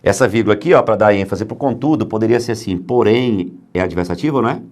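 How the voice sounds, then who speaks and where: A man's voice: on the low side, fast, darkish tone. A man teaching grammar for exam prep, emphatic and fond of asking and answering his own questions.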